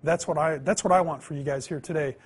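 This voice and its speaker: A man in his thirties teaching a Bible class in a classroom, earnest, asking the students questions and swinging between loud emphasis and quiet asides. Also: a little high, fairly even intonation, fast, slightly rough. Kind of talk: classroom lecture. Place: classroom, indoors.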